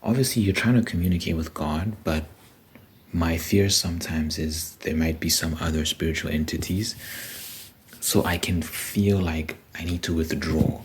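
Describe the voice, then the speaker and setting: A man's voice: low voice, normal speed. A man giving a casual, reflective personal monologue, thinking aloud in short phrases as a vlogger. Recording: noticeable background noise.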